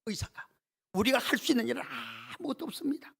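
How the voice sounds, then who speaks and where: A man's voice: extremely high pitch, fast talker, creaky, fairly bright tone, slightly rough. A male pastor preaching a Sunday sermon in a church, telling a story and acting out the prayers in it. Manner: storytelling, acts out quoted prayers with rising intensity. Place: church sanctuary.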